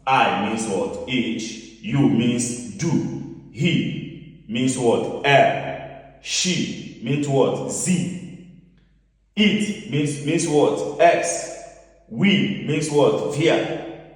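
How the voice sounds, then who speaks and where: A man teaching a beginners' language lesson, repeating words and asking the listener questions. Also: medium pitch. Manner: repetitive, asks the listener questions. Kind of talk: classroom-style lesson. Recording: roomy echoing hall, mic far off.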